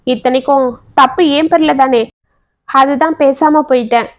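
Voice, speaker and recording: A woman voicing a kind young husband in a story, speaking softly and affectionately to comfort his wife. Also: sits high, steady tone, moderate pace, no echo, dull audio, lightly acted. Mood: reassuring. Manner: soothing, affectionate.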